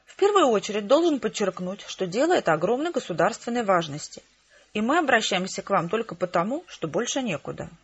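A woman's voice: medium pitch, sing-song, fairly quick, breathy edge, dull audio. A woman reading the lines of a pompous male security chief who speaks in stiff officialese. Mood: formal. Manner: bureaucratic officialese.

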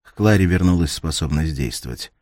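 A man narrating a suspense audiobook in a measured way, slowing down in tense moments. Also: very deep voice, lively intonation, darkish tone, no echo, clean studio sound. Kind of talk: scripted narration.

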